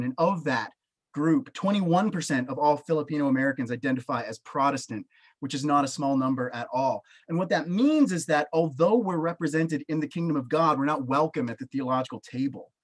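On a webcam video call from a small home office, a Canadian panelist and professor in his thirties offers personal testimony. His voice sits on the high side, slightly rough and fairly quick, and his delivery is earnest and emphatic, with gestures from both hands.

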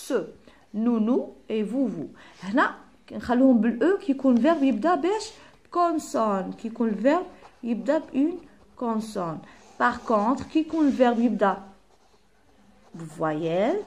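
A woman teaches a primary grammar lesson. Her voice sits at an ordinary middle pitch. She slows down to dictate each form clearly and speeds up for quick explanations. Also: a little mellow. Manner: slow, spelled-out dictation of forms, switching between French and dialect.

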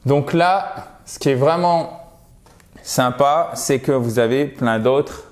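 A man's voice: mid-range voice, slow pace. A man teaching an online lesson about English pronunciation in a chatty, encouraging way, often checking in with the viewer.

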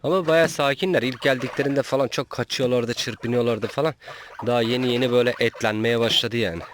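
This small-farm vlogger speaks at a medium pitch, a little fast, with fairly even intonation. Filming outside at his small backyard farm, he casually addresses his chickens and geese, alternately coaxing and scolding them, while clucking chickens and roosters are clearly audible around him.

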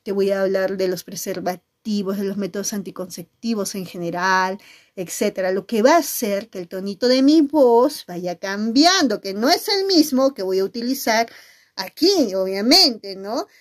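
Middle-aged lady teacher doing a video class, super expressive, keeps checking you're following. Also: medium pitch, normal speed. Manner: expressive, often checks in with listeners. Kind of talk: video lesson on nonverbal communication.

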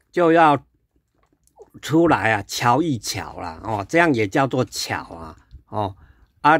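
A man's voice: medium pitch, dry recording, studio quality. A man from Taiwan with a Taiwanese Mandarin accent, ranting sarcastically about politics in a casual vlog, full of fillers and repetition. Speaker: political commentator.

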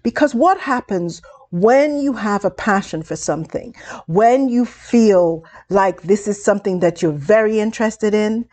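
A woman instructor talks through a public speaking lesson at an unhurried, measured pace. Her pitch sits in an ordinary middle range, and she delivers her advice deliberately and encouragingly, leaning on repetition to drive points home. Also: dark tone. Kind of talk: video lesson.

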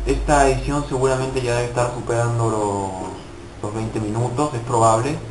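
A man's voice: mid-range voice, fairly even intonation, moderate pace, reverberant, background noise. A young man casually commenting on his gameplay, swearing and mocking himself in frustrated outbursts. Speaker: gaming video host.

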